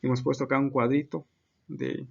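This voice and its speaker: A man's voice: medium pitch, level tone, moderate pace, vocal fry, breathy edge, dull audio. A man giving an unscripted class presentation, hesitant, with many fillers and self-corrections. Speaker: student presenter.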